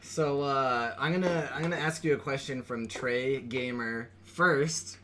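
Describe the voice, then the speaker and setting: A man hosting a podcast, chatting in a relaxed, rambling way and laughing along. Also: mid-range voice, a little slow, a crowd in the background. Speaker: podcast host. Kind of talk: casual podcast chat.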